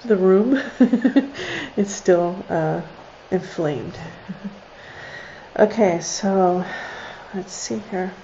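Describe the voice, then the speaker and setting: On a livestream, an oracle card reader with a congested, nasal voice laughs a lot and thinks out loud in a chatty, relaxed reading. Her mid-range tone is warm and she draws out her words. The sound is lo-fi and a little dull, with a faint hiss.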